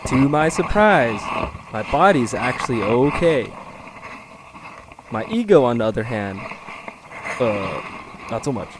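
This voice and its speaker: A young man narrating his own mountain biking video in a deadpan, joking voice-over. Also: mid-range voice, unhurried, pauses often, noisy background. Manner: deadpan jokey storytelling. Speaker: mountain bike vlogger.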